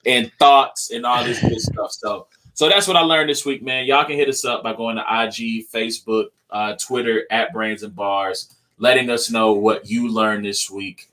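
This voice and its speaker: Young male podcast host, loose rambling delivery, bright and forceful tone. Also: mid-range voice, steady tone, moderate pace. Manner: loose and rambling, many ums. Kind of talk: casual podcast chat.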